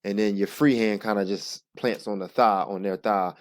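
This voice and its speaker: A man narrating sparring footage in a casual, halting play-by-play, thinking aloud as he explains each move. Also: on the low side, fairly even intonation. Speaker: jiu-jitsu practitioner narrating own sparring footage.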